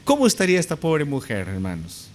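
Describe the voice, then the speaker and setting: A man preaches with a lively, swinging delivery, his somewhat high voice rising and falling across each phrase. He leans hard on emphasis and poses question after question to the congregation, calling them brothers. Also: a little fast. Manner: addresses listeners as brothers. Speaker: pastor. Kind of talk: sermon.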